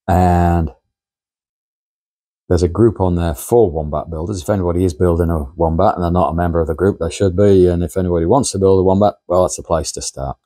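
Low husky man in his workshop. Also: warm tone. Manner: chatty, talks viewers through each step as he works. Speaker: model engineering workshop host. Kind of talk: casual workshop demonstration. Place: home workshop, indoors. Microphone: camera on a tripod.

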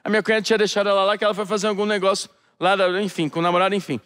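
A man from Brazil telling a stand-up story on stage, acting out each person in it with animated voices. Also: sits high, racing, clean tone. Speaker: stand-up comedian. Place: theater stage before a live audience.

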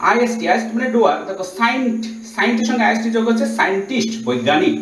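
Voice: medium pitch, sing-song, very fast, faint music behind. A teacher giving a grammar lesson, explaining step by step and spelling out words letter by letter. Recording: echoey room, voice from a distance.

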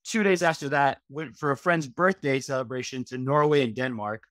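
In a laid-back interview chat, a middle-aged Miami dietitian speaks fairly quickly in a medium-pitched voice over a headset on a video call at home. The recording is dry and close, and he strings together rambling lists peppered with fillers.

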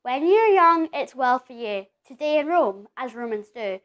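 High-voiced Scottish woman reciting verse. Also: lively intonation, normal speed, fairly bright tone, muffled recording. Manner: rhythmic, lilting delivery, stressing rhymes. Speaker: poetry reciter. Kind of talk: recited Scots poem with a chanted refrain. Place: music workshop venue, indoors.

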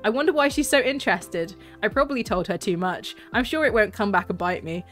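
A woman's voice: medium pitch, lively intonation, fairly quick, fairly bright tone, soft background music. A young woman chatting and joking while she streams a farming game. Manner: chatty, giggly, self-mocking. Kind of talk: casual gameplay commentary.

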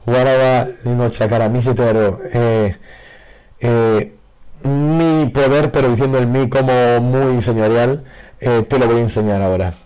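Man, hoarse, losing his voice, excitable card game commentary. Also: medium pitch, moderate pace. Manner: excitable, reacts loudly to pulls. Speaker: card game video creator. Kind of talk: casual pack-opening commentary. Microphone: faulty broken microphone.

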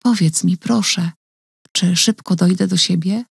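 A woman's voice: fairly low pitch, steady tone, moderate pace, darkish tone, no echo, clean studio sound. A woman voicing a hurt, frightened young woman who pleads between sobs in an audiobook reading. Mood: weak.

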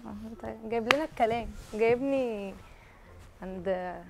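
A woman's voice: fairly high pitch, normal speed, gravelly, noisy background. An Egyptian woman guest on a prank show, defiant and scolding in a heated argument. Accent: Egyptian Arabic.

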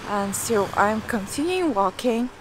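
A woman's voice: a little high, lively intonation, unhurried, slight background noise. Chatty woman vlogging outdoors. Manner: chatty, enthusiastic, frequent fillers. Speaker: travel vlogger. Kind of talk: casual travel vlog narration. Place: outdoors on a coastal street.

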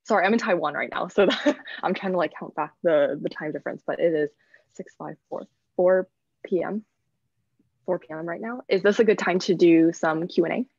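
A woman's voice: lowish voice, fairly quick, a little mellow, husky, dry recording. Young woman doing a casual workshop on a call, crackly voice, dull sound. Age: 20s. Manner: informal, chatty. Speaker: design workshop presenter. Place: indoors on a video call. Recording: muffled, dull video-call audio.

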